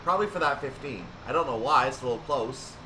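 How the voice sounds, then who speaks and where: A gaming video host with a medium-pitched voice commentates on his train simulator session, unscripted and explanatory, reasoning aloud as he goes. He talks fast, recorded from a distance, with an echoey sound and a steady rumble behind him.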